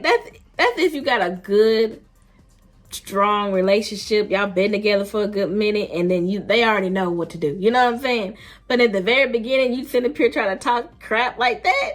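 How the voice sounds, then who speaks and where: Over faint music, a woman with a mid-range, fairly bright voice vlogs about a date in a casual, unscripted way. She sounds blunt and emphatic, and her talk is slangy and conversational.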